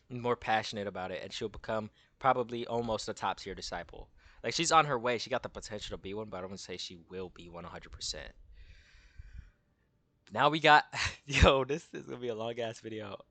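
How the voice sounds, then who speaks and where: Rambling young man with a bright, dry voice. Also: fairly low pitch, fairly quick, no echo. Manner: rambling, crude slang, loses his train of thought. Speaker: gaming video host. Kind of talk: casual tier-list commentary.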